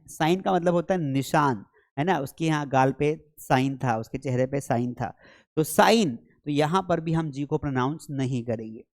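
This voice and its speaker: Explaining English spelling, a man with a fairly high-pitched voice keeps things lively and conversational. He asks his own questions and supplies the answers.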